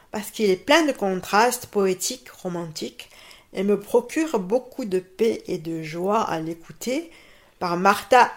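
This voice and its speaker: A woman, a pianist and teacher calmly answering radio interview questions. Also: medium pitch. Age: 50s.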